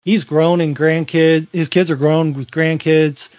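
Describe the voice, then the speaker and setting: Rambling through casual podcast talk with frequent restarts, this Virginian co-host in his forties has a fairly high, slightly mellow voice. He's unhurried and level, and the recording is dry and dull.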